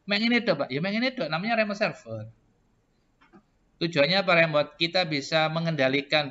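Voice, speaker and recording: A man's voice: on the high side, sharp tone. A male teacher walks a class through server setup step by step, patiently repeating each instruction. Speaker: computer networking teacher. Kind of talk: classroom tutorial with student questions. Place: computer lab classroom. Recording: muffled lo-fi classroom recording.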